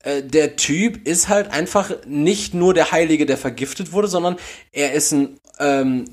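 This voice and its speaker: A man's voice: fairly high pitch, unhurried. A German man co-hosting a podcast, rambling through casual chat with many fillers and restarts. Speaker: podcast co-host.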